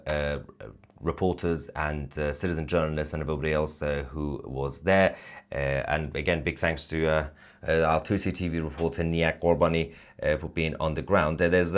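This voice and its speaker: A man hosting a live news stream with unscripted, halting commentary that often repeats words. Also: deep voice. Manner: halting, repetitive.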